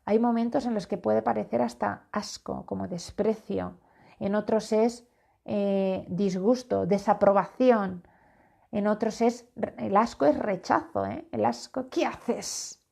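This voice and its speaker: Slow, gravelly-voiced woman parenting coach. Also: mid-range voice, fairly even intonation, mellow. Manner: slow, deliberate, demonstrates tones by acting out phrases. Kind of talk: live-streamed talk to viewers. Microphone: phone or webcam live stream.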